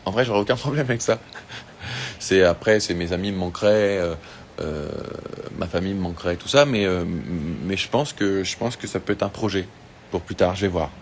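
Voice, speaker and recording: This man's voice is low-pitched and fairly quick, with slight background noise. He's a singer on an Instagram phone livestream outdoors or in an open space in Tahiti, reading fan questions and chatting in a laid-back way with lots of fillers and restarts.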